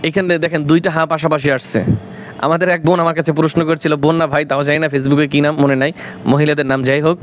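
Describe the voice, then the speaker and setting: A man with a Bangladeshi Bengali accent teaching Quran recitation, spelling out letters syllable by syllable and drawing recited words out slowly, often asking and answering his own questions. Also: fairly high pitch, flat delivery, a little hiss or hum. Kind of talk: slow spelling-out Quran lesson.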